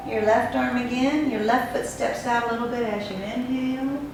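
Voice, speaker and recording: A woman leading guided tai chi as an instructor, giving step-by-step movement directions in unhurried, measured phrases. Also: on the high side, steady tone. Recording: very echoey room, distant mic, music behind.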